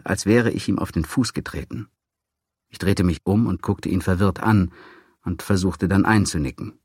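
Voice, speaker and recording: A man with a very low voice reads a first-person story in a wry, measured tone. The sound is close and dead dry, with no room at all. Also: slightly rough, no room sound. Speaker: audiobook narrator. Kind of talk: scripted first-person narration.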